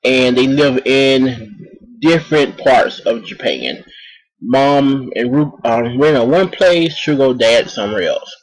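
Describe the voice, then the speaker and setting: A man's voice: medium pitch, lively intonation, slow pace, rough recording. A man casually reviewing an anime, rambling with many ums and restarts while talking around a cough drop.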